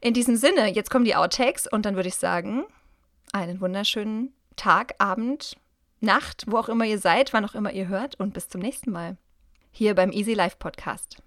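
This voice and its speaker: A woman's voice: mid-range voice, normal speed, a bit bright, no echo. A woman hosting a podcast, addressing listeners in a reflective, conversational way. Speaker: podcast host.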